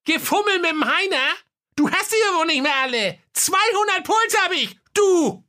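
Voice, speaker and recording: Woman playing a spiteful old witch, shrill, indignant, high pitch, sharp tone. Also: lively intonation, normal speed, exaggerated voice. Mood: furious.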